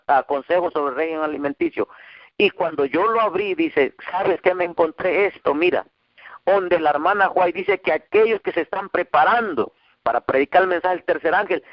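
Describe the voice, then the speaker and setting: A man from Mexico preaching a heartfelt testimony, his voice sitting fairly high and swinging higher still when he quotes others. The sound is dry and dull, like an old radio broadcast. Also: no echo. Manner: emotional storytelling, quoting dialogue with rising pitch. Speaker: pastor. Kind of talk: testimony sermon.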